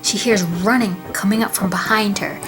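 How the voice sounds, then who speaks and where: A woman narrating a storybook tale with soft, deliberate pauses. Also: mid-range voice, faint music behind. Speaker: storyteller and video creator.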